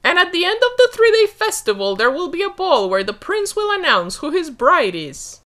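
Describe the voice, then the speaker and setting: A woman's voice: very high-pitched, big pitch swings, moderate pace, fairly bright tone, pitched above the performer's own voice, heavily acted. A woman voicing a stern, bossy stepmother who gives commands in a children's fairy tale. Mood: excited. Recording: music behind the voice.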